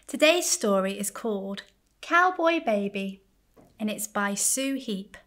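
A woman, a church families coordinator, gently and expressively reading a children's story aloud. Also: medium pitch, lively intonation, slow.

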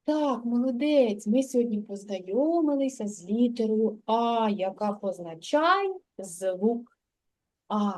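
A woman teaching a young child to read in a kindergarten lesson, speaking slowly and patiently with lots of praise. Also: on the high side, a little mellow. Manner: slow, patient, praising, sing-song. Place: kindergarten classroom.

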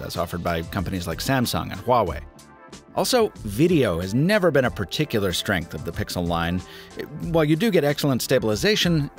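Male tech reviewer from the US, 30s, animated scripted read, light music bed. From United States. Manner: lively, emphatic delivery with wide pitch swings. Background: faint music.

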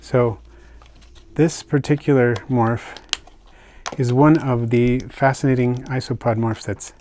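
An older man casually narrating a hobby vlog as he unpacks and shows his isopod purchases, talking in a relaxed, chatty way with fillers and soft asides. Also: medium pitch, slow pace, slight background noise. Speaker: isopod keeper unboxing purchases. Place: indoors at a table, hands on camera.

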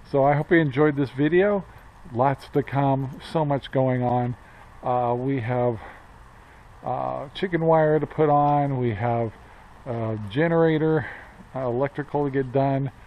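A man's voice: medium pitch, unhurried, muffled recording. A man in his sixties chatting casually as a homestead vlogger outdoors by a barn, rambling with lots of fillers and restarts. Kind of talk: casual chat to camera. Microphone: action camera at arm's length.

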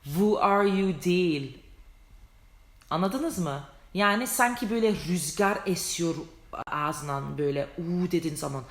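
A woman's voice: fairly low pitch, unhurried. A woman giving a casual vlog lesson on English pronunciation, chatty and self-deprecating, acting out sounds with exaggerated mouth shapes. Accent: non-native Turkish, foreign-tinged. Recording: echoey room.

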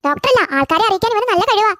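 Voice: very high voice, expressive, rapid-fire, pushed and bright, no room sound, studio quality, exaggerated voice. A performer voicing a stubborn teenage girl in a cartoon, defending her new puppy. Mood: defiant. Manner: defiant, pleading. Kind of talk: cartoon voice acting.

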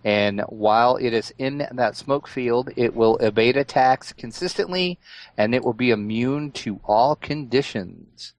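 A man's voice: medium pitch, measured pace, dry recording, rough recording. Man explaining game features, dry sound. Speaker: podcast co-host. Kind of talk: casual gaming podcast chat.

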